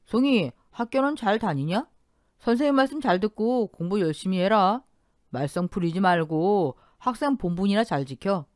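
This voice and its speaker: A woman voicing a greedy, quick-tempered middle-aged father who shouts and demands money in an audio drama. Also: medium pitch, animated, no room sound, studio quality, natural voice. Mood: lecturing.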